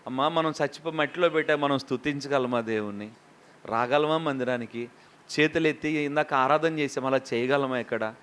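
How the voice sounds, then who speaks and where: A man preaching a lively sermon as a pastor, questioning the congregation and acting out quotes. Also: mid-range voice, brisk, clear, resonant tone.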